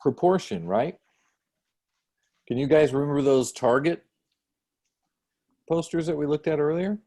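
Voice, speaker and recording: Mellow-voiced man teaching a class. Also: fairly high pitch, expressive, a little slow. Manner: conversational, often checks with "right?". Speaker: design teacher. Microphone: video call.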